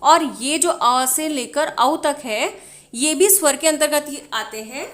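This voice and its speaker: A woman's voice: high-pitched, animated, slow, fairly bright tone. A woman teaching the Hindi alphabet, sounding out each letter and often checking in with her viewers. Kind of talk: slow alphabet lesson.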